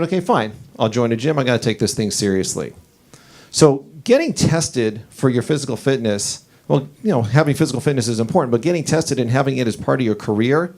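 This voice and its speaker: A man in his forties performing a stand-up comedy set, telling stories in an animated way with his voice rising as the story builds. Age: 40s. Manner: animated storytelling, pitch climbing as the story heats up. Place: comedy club stage.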